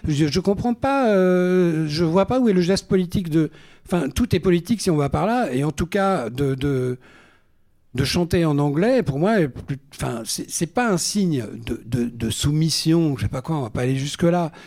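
A man with a fairly high voice argues his points in a loose panel discussion. He is blunt and lively, and he swears freely as he speaks as a singer-songwriter. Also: normal speed.

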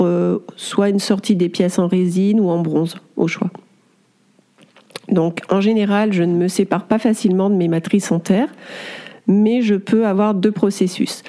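A woman's voice: mid-range voice, mellow. A woman in her forties from Auvergne, a sculptor being interviewed, talking earnestly and reflectively, with many hesitations. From France, Auvergne. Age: 40s. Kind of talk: conversational interview.

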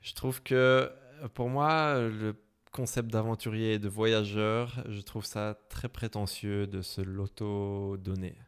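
A man's voice: lowish voice, fairly even intonation, slow pace, clean tone. A young man from Belgium with a Brussels accent, speaking casually in an interview, hesitant with many fillers and restarts. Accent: Brussels French. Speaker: interviewee, motorcycle traveler.

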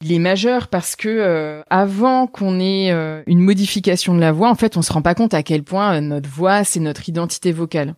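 A woman's voice: on the low side, moderate pace, hardly any pauses, a little mellow, dry recording, studio quality. A woman speech therapist answering interview questions in a thoughtful, explanatory way.

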